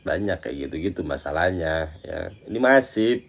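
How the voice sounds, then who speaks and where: Treating his audience as friends, a male teacher leads a relaxed Islamic study session, chatty and teasing, alternating loud emphasis with muttered asides. He speaks at a moderate pace in a low voice with lively intonation and vocal fry.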